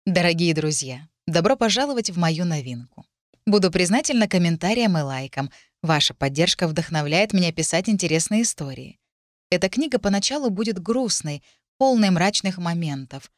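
A woman reading her own book aloud, telling the story in a steady, measured way. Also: on the low side, no echo, clean studio sound. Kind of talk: audiobook narration.

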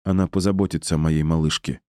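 A wistful young mother asks softly and pleadingly, as a man reading an audiobook voices her. The voice stays low and dark, in a dry, close recording. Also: fairly even intonation, fast, dry recording.

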